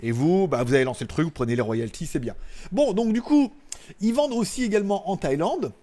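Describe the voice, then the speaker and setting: In a casual live tech chat streamed from home, a French host jokes around, makes crude remarks and laughs often. He speaks a little fast, with a high, expressive voice and a dark tone.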